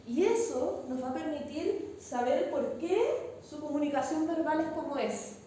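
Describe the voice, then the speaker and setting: A woman with a Chilean accent gives a relaxed classroom lecture and keeps asking her students whether they follow. Her voice sits high, and it reaches the distant mic through heavy room echo with a faint hiss underneath. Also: unhurried. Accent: Chilean Spanish. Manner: conversational, checks understanding with frequent tag questions. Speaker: instructor teaching a class. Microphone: far from the mic. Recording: very echoey classroom, far-off mic, some noise.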